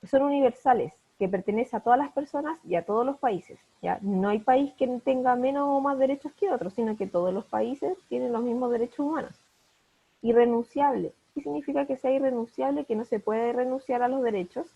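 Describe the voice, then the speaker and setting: A woman teacher leads an online class, patiently explaining each new word step by step. Her voice sits a little high, mellow and slightly husky. The video call audio is muffled and lo-fi. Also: brisk. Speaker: primary school teacher.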